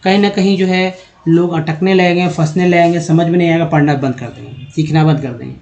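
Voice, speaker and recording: A man giving a spoken lesson on reading English words, explaining patiently, spelling letters out slowly and repeating words, addressing viewers as friends. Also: fairly high pitch, steady tone, darkish tone, lo-fi sound. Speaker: English teacher.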